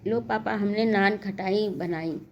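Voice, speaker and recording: A woman's voice: mid-range voice, unhurried, muffled recording, a little hiss or hum, lightly acted. A woman reading as a feverish delirious young woman. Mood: pleading.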